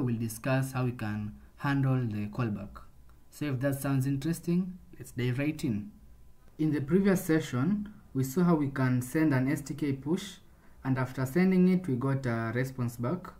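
A man with a mellow, dark-toned voice walks through a coding tutorial in a casual, explanatory way, often stopping to restart a phrase. He sounds like he is talking into a desk microphone while sharing his screen. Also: mid-range voice. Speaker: programming tutor.

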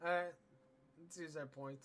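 A young man giving casual, rambling commentary while playing a game, trailing off quietly. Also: fairly high pitch, fairly even intonation, normal speed, a little hiss or hum. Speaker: gaming channel host.

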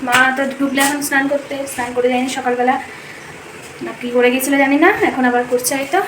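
Chatty high-voiced young woman. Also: flat delivery, fast. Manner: chatty, rambling commentary on chores. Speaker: vlogger. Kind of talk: casual daily vlog narration. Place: home in a village. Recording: noisy background.

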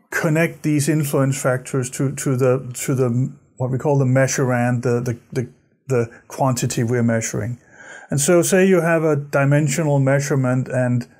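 A man's voice: fairly high pitch, darkish tone. A middle-aged man from Denmark, an instructor giving a recorded course lecture to camera in a studio, gesturing and often repeating words as he explains.

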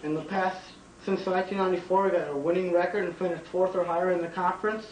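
Teacher impression: intense baseball coach played by a young man, high voice, emphatic, repetitive speechifying, roomy comedy skit recording. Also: steady tone, quick pace, darkish tone, natural voice. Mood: earnest, proud. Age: young adult. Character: intense, earnest male baseball coach obsessed with the game. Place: home kitchen. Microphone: camcorder across the room. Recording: roomy, distant, hissy home camcorder.

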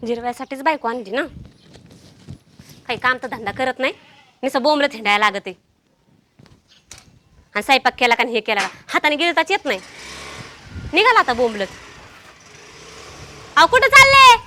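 A young woman playing a sharp-tongued village wife who nags her husband in a comedy sketch. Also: a little high, lively intonation, brisk, long pauses, a little hiss or hum. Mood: scolding. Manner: nagging, scolding.

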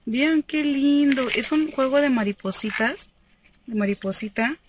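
A woman's voice: high-pitched, measured pace, slight background noise. A young woman, chatting enthusiastically as she unboxes cosmetics in a parked car, filmed on a phone held at arm's length. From Mexico. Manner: chatty and enthusiastic, laughs often. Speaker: cosmetics seller and vlogger. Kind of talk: casual unboxing chat. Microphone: phone camera at arm's length.

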